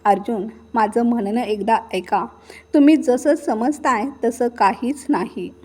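A woman's voice: a little high, measured pace, a little mellow, breathy edge. Storybook role: a pleading, indignant young wife, read by a female narrator. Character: angry, frightened young wife defending herself.

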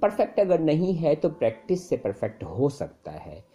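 A man teaching English speaking tips in a casual spoken lesson, full of fillers and repeated phrases. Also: normal speed. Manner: conversational, many fillers and repeated phrases, lively pitch jumps.

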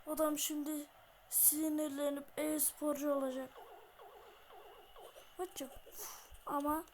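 A woman comments on her own gameplay for her channel, jumping between excitable exclamations and casual slang. Her voice sits high and her pace stays slow and drawn out. A faint hiss of noise runs underneath. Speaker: gaming channel host.

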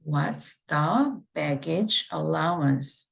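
A woman with a Korean accent teaching English pronunciation, saying model phrases slowly and carefully and explaining each one step by step. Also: sits low, expressive, gravelly. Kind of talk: pronunciation lesson.

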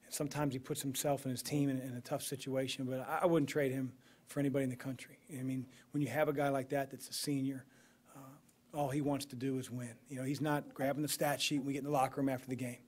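A man in his forties, a basketball head coach, answering press questions after a game in a measured way, with many fillers and restarts, into a podium microphone. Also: mid-range voice, level tone, a little mellow, breathy edge. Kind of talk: postgame press conference answers. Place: press room in front of a sponsor backdrop.

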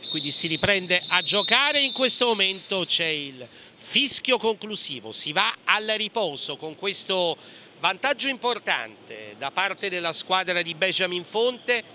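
High, bright male match commentator. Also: sing-song, a little slow. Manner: clipped running play-by-play, naming players pass by pass, with hesitations. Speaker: sports commentator. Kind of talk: live futsal match commentary. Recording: gym ambience with clear background noise. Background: indoor sports hall sounds, bouncing ball.

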